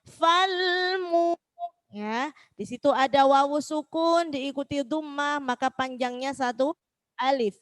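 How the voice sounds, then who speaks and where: A woman with a Javanese accent teaching Quran recitation step by step. She chants verse syllables slowly and drawn out, explains them in between, and asks listeners to repeat together. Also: sits high, no room sound.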